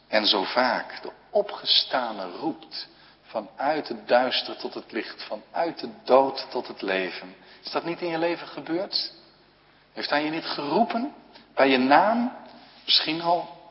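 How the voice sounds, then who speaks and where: A man's voice: medium pitch, animated. Earnest man preaching in a reverberant church. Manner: slow, earnest, with long pauses between short phrases. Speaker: pastor. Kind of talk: sermon. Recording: dull, lo-fi recording with long church reverb.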